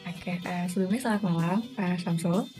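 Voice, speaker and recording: A woman's voice: fairly low pitch, steady tone, brisk, mellow, faint music behind. A young woman student interviewing an official, polite and hesitant with fillers. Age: young adult. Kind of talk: casual interview questions.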